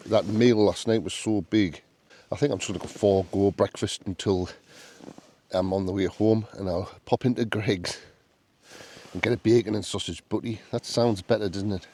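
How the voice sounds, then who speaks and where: A man's voice: fairly low pitch, fairly even intonation, moderate pace, mellow, a little hiss or hum. A man with a Northern English accent chatting casually to camera as a solo camper, musing aloud in a down-to-earth, understated way. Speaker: solo camping vlogger. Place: inside a small tent outdoors.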